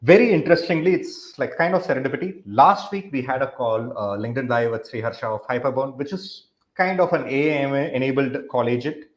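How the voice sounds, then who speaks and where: A man's voice: medium pitch, a little fast, hardly any pauses. Rambling man hosting a live interview. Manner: rambling, filler-heavy. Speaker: podcast host.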